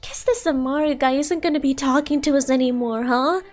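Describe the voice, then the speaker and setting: A woman voicing a small, bossy, excitable fairy companion from a game, chirpy and pestering. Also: high voice, a little fast, pitched above the performer's own voice, lightly acted. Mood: grumbling, resigned. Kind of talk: reading game dialogue aloud in character. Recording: game music under the voice.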